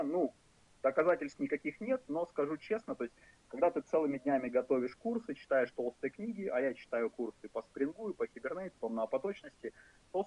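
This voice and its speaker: Narrating a screen recording, a man in his thirties with a Ukrainian accent and a fairly high voice delivers a conversational programming lecture. His manner is frank and wry, rambling loosely with fillers, and the dull, lo-fi recording has no echo.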